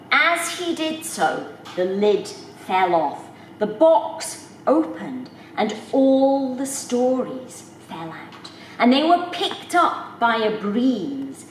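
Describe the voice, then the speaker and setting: A woman telling a folk tale to children in an unhurried, expressive way, speaking directly to her listeners. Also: fairly high pitch, distant mic, slight background noise. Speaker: storyteller. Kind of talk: storytelling for children. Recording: roomy echo, voice from off the mic, faint background.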